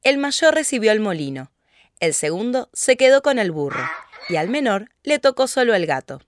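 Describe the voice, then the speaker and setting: A woman narrating a children's fairy tale in a steady, clear telling. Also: a little high, moderate pace, a little hiss or hum. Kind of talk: storybook narration.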